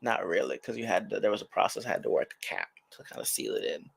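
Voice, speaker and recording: A man's voice: fairly low pitch, big pitch swings, fast, creaky, a bit bright. A man in his thirties, a podcast co-host, telling rambling, self-mocking stories in casual chat.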